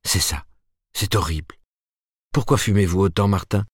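A man reading aloud, voicing a gentle young woman who speaks in a soft, coaxing, earnest way. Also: low-pitched, normal speed, slightly rough, dry recording, studio quality, pitched above the performer's own voice. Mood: reproachful.

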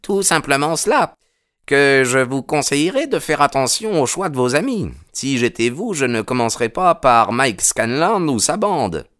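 A man voicing two heavy, well-meaning male policemen in a storybook reading, with a high, reedy, warning tone. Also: big pitch swings, moderate pace, fairly bright tone.

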